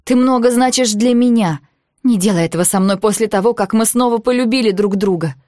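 A woman's voice: a little high, brisk, dark tone, dry recording, clean studio sound, pitched above the performer's own voice, close to an everyday voice. An audiobook narrator voicing a young woman who pleads emotionally with the man she loves. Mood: pleading.

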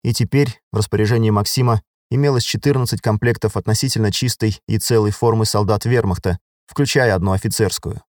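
Dry, steady male audiobook narrator. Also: on the low side, a little fast, hardly any pauses, dry recording. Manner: steady, even storytelling. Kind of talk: scripted narration.

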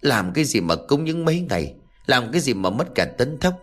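A man's voice: mid-range voice, very animated, brisk, faint music behind. A man voicing an anxious, scolding middle-aged village mother in a spoken ghost story. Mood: indignant.

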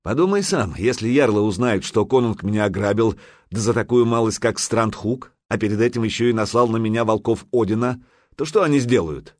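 A man voicing a resolute viking chieftain who speaks calmly, firmly and with command. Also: lowish voice, a little fast, no room sound, clean studio sound, lightly acted. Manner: calm, firm, commanding. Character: stern, resolute male viking jarl.

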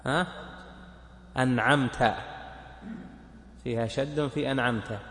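A man's voice: medium pitch, normal speed. A man, a sheikh, explaining a legal text to his students, counting points aloud and asking them questions. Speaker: sheikh teaching a fiqh text. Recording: echoey hall with long reverb.

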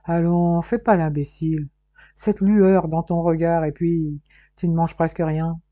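A woman's voice: lowish voice, fairly even intonation, a little slow, mellow, no echo, close to an everyday voice. A woman reading the part of a playful young man teasing his brother with pushy questions. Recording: dull, muffled dry recording.

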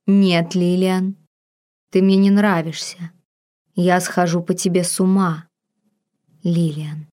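A woman reading an audiobook, voicing a possessive, seductive man with a low, husky voice in slow, hushed, drawn-out lines. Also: level tone.

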